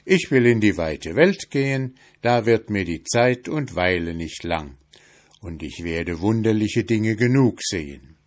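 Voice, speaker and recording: A man's voice: on the low side, expressive, a little slow. A man doing a bold, boastful young prince. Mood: eager. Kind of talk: audiobook fairy tale reading.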